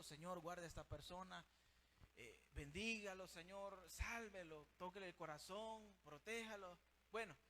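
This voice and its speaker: A man's voice: sits high, sharp tone, slight background noise. A man preaching a sermon with fervour, speaking straight to his listeners as brother and sister.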